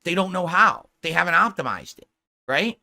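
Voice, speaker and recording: Male gaming commentator ranting, sarcastic and profane, high voice. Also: expressive, moderate pace, creaky, bright, forceful tone. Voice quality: sarcastic, mocking. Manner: blunt, profane, exasperated. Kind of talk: sarcastic rant over gameplay.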